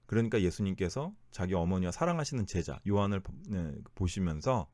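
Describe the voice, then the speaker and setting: Animated low-voiced man teaching scripture. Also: a little fast, no room sound, clean studio sound. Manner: asks the listeners rhetorical questions; corrects himself mid-sentence. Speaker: Bible study teacher. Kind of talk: Bible study teaching.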